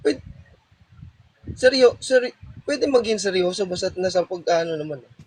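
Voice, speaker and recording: Lively laughing man from Zambales. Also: high voice, moderate pace, a crowd in the background, low-quality recording. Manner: animated, laughing, stammers and repeats words. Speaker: interview guest. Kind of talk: casual chat.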